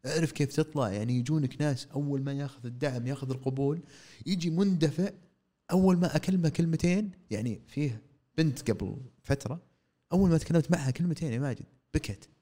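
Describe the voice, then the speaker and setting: A man with a Saudi accent, an entrepreneur guest giving blunt, animated advice in a casual podcast chat. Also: mid-range voice. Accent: Saudi Arabic. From Saudi Arabia.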